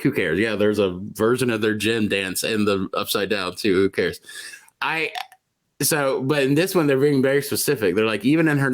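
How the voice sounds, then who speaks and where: A man co-hosting a casual podcast chat, rambling and full of filler words. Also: on the low side. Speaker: podcast co-host.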